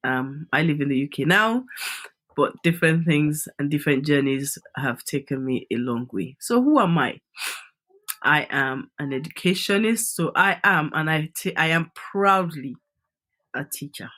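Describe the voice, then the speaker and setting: A woman's voice: sits low, expressive, normal speed, fairly bright tone. A middle-aged Nigerian woman with a Nigerian accent, a guest on a podcast interview who talks emphatically and repeats her key phrases.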